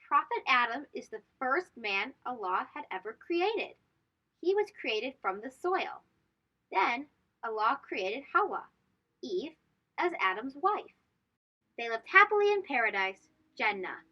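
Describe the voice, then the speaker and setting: The host of a children's read-aloud show reads a storybook in a high, very animated voice, stressing phrases and asking questions of her young listeners. She goes a little slowly, and the recording sounds a little dull.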